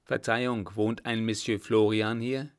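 Man playing a disguised messenger, polite, guarded, slow. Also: lowish voice, little pitch movement, clean tone, dry recording, studio quality.

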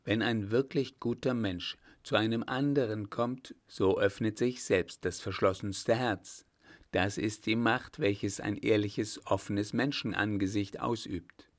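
Reader as kindly gentleman, low, slow, reassuring and fatherly.

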